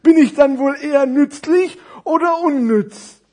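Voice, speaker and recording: A man voicing a thick, slow-witted scarf gift in a storybook tale, asking naive questions and mixing up words. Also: extremely high pitch, darkish tone, voice pushed up. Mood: puzzled.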